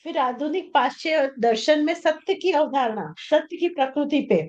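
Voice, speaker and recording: A woman's voice: sits high, expressive, moderate pace, darkish tone, lo-fi sound. A woman teacher explaining exam questions over a video call, her audio distorted and breaking up. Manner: explains by listing exam topics. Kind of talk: online class discussion.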